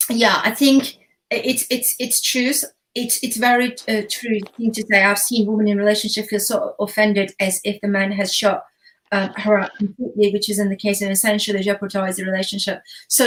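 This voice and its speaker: A Turkish woman in her forties, working as a relationship coach, speaks English in a relaxed online casual chat at an ordinary middle pitch. She is earnest and searching, thinking aloud with fillers, pauses and restarts as she circles back. The recording quality is low.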